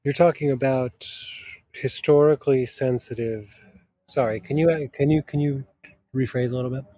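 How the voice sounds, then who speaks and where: A man with a warm, steady, mid-range voice, a literary translator whose first language is English, answers interview questions as a guest. He's thoughtful and halting, often restarting sentences while he searches for words.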